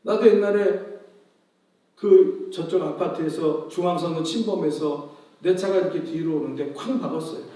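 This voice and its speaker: A man preaching a sermon as pastor, animated, firing rhetorical questions at the congregation and acting out the people in his stories. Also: on the high side, moderate pace. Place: church sanctuary. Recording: very echoey hall, voice from a distance.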